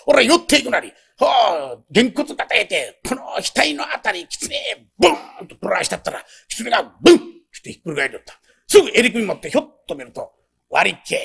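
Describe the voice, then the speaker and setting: Brash young Kansai guy bragging, played by a male rakugo teller; gravelly, bright, swooping pitch. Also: full character voice. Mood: excited. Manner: lively, boastful, rapid Kansai dialect. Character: brash young Osaka townsman boasting of a fox. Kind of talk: rakugo storytelling.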